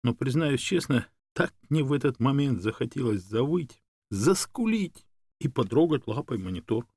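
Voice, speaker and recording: A male storyteller speaking as a devoted, wry dog, telling the tale in an expressive, conversational way. His pitch moves lively up and down, and the recording is close and dry with no room sound. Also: normal speed, breathy edge, no echo. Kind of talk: first-person story narration as a dog.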